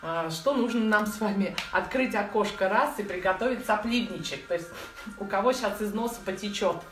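A woman's voice: mid-range voice, normal speed, faint music behind. Woman teaching in an echoey room. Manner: chatty, fond of affectionate diminutives. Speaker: breathing practice instructor. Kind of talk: informal instruction for beginners. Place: living room at home, indoors. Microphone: phone or camera set a little way off. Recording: echoey room, distant mic, faint noise.

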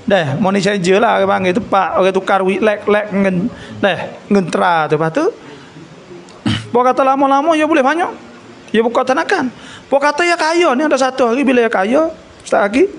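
A man with a Kelantan Malay accent giving a religious talk, telling a story with acted-out dialogue and frequent throat clearing. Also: very high voice, a little fast. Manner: animated storyteller, acts out dialogue. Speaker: religious lecturer.

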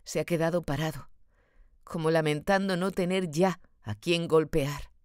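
A woman narrating a literary audiobook in a slow, measured, dramatic and expressive way. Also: sits low, dry recording, clean studio sound.

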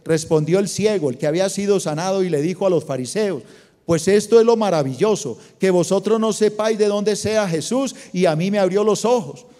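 A man's voice: high voice, a little fast, dark tone. A man with a Colombian accent, a pastor preaching a sermon and putting rhetorical questions to his congregation. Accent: Colombian Spanish. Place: large church auditorium. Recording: long hall reverb.

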